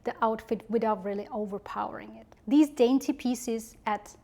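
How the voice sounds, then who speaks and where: A woman giving polished instructional advice as an etiquette coach, with prim, measured, precise enunciation. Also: a little high, gravelly, mellow.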